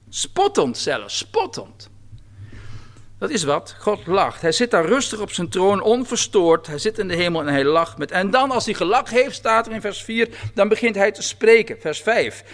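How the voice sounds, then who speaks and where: A man preaching a sermon verse by verse, animated and acting out God's words in quotes. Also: sits high, moderate pace. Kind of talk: sermon on a psalm.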